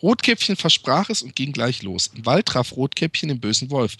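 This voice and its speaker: Sarcastic young male host, lively, bright and husky, dry close sound. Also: mid-range voice, normal speed, dry recording. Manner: sarcastic, crude asides. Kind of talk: mocking fairy-tale reading.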